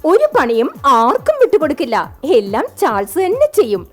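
A bossy wife played by a woman hamming up an advert in a stage comedy, with a Malayali accent. Her salesy, showy delivery swoops widely in a high voice. Faint music plays behind. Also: huge pitch swings, a little fast, a little mellow. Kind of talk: live stage comedy skit.

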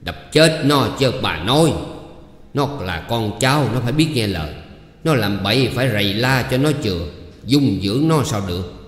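A man voicing a gruff, blustering older village elder. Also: medium pitch, lively intonation, normal speed, close to an everyday voice. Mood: gruff, teasing. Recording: echoey, reverberant room.

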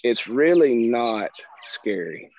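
A man's voice: mid-range voice, big pitch swings, slow. A middle-aged man with a Southern American accent, folksy and self-deprecating, chatting casually as a guest presenter on a video call. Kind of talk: casual chat. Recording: muffled video-call audio, faint hiss.

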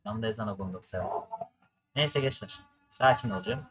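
A man's voice: on the low side, fast talker, fairly bright tone, breathy edge, highs cut off, soft background music. A young man from Turkey commentating his racing game for viewers, ranting and cursing at it in frustration. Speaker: gaming streamer. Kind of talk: gameplay commentary.

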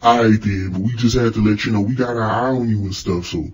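Comedy voicemail role: man as slangy, chummy yet menacing shadowy boss, husky and on the low side, rambling into the phone. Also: steady tone, fast. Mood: scolding, menacing. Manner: leaving a rambling voicemail, casual slangy talk.

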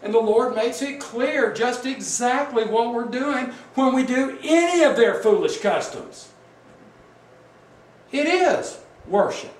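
High-pitched guy preaching slow, asks the crowd stuff, echoey room, kinda far from the mic. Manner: emphatic, asks the congregation questions. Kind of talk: sermon. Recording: echoey room, mic at a distance, faint background noise.

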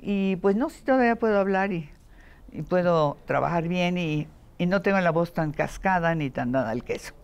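A woman's voice: lowish voice, normal speed, clear, resonant tone, highs cut off. Older Mexican woman telling stories. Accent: Mexican Spanish. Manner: lively storytelling with playful voice imitations. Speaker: voice actress and dubbing director. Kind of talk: casual interview chat.

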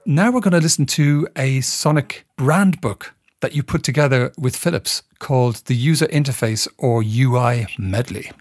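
A man's voice: mid-range voice, normal speed, hardly any pauses, no echo, clean studio sound. A man hosting a podcast interview, introducing clips and asking questions in a polished way. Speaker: podcast host.

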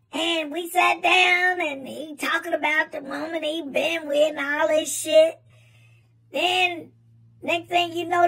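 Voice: extremely high pitch, bright, forceful tone, distant mic, full character voice. A performer voicing a profane male monkey who preaches blunt advice in a comic rant. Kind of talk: comedic monologue.

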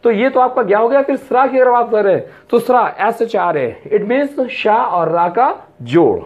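A man teaching a class, slowly sounding out syllables and repeating them, with English words mixed into his speech. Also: very high voice, animated. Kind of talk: classroom lesson. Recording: dull lo-fi recording.

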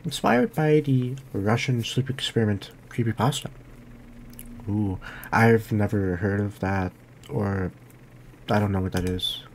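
A man's voice: fairly low pitch, measured pace, darkish tone, slight background noise. A man hosting a let's play, chatting casually and making sarcastic jokes while playing a horror game. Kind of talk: casual gameplay commentary.

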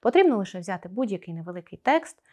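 A woman teacher giving a scripted video lesson, explaining clearly and pronouncing sounds with careful articulation. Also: mid-range voice, quick pace. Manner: expressive, explaining to pupils.

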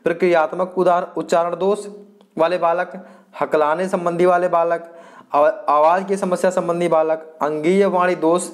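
A man's voice: sits high, little pitch movement, moderate pace. A male teacher giving an exam-prep lecture. He repeats his points, asks the class questions and answers them himself, and often hesitates and restarts.

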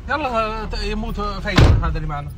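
A man's voice: high voice, animated, racing, a crowd in the background. A young man with a Gulf Bedouin Arabic accent bantering casually and teasingly with his friends.

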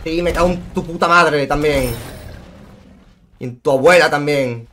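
A man's voice: a little high, a little slow, a bit bright, slight background noise. A young man streaming a game, swearing and ranting at opponents between sarcastic mutters. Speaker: gaming streamer. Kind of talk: live gameplay commentary.

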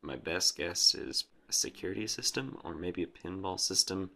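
Male hobbyist for a casual demo: deep, gravelly, explanatory. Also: lively intonation, normal speed, pushed and bright. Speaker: hobbyist presenter.

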